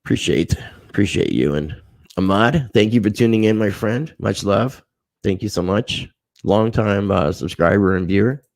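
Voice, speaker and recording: A man from the United States hosts a casual livestream, reading viewer comments, thanking people by name, and airing a grievance. His voice is lowish, his speed normal, and there is no room sound.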